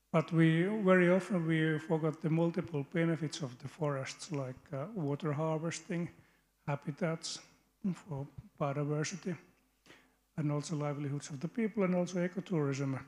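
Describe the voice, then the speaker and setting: Finnish-accented male researcher, fairly high voice, unscripted halting comment from the audience. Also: fairly even intonation, darkish tone. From Finland. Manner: halting, with hesitations. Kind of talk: spontaneous comment from the floor. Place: conference hall.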